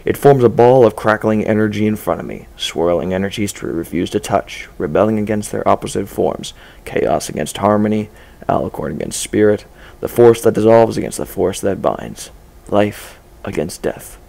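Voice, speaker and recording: A male story reader narrates a dark first-person tale in a low voice with a gravelly edge, keeping his delivery measured and low-key.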